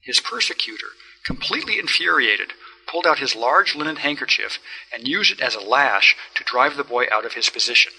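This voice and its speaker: A man narrating a classic story in the first person, in a measured, wry telling. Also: medium pitch, lively intonation, bright, forceful tone, husky, poor audio. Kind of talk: storybook reading.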